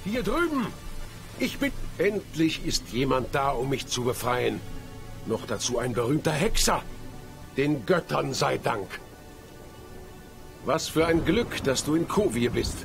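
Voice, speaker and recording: Animated, anxious bookish mage. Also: male voice, medium pitch, a little slow, creaky, pauses often, faint music behind. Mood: relieved, excited. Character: anxious, bookish male mage, grateful and long-winded. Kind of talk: video game acting.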